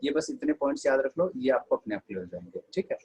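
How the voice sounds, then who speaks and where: Husky guy teaching english grammar, chatty and animated, tells stories. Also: medium pitch, fast talker, low-quality recording. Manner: animated, chatty, addresses students as "beta". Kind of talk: classroom lecture with storytelling.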